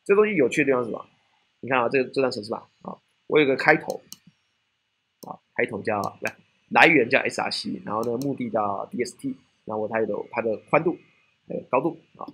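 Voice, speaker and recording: Gravelly Taiwanese Mandarin lecturer. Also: male voice, medium pitch, quick pace, a bit bright. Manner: keeps asking rhetorical questions, tagging lines with "right?". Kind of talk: technical classroom lecture.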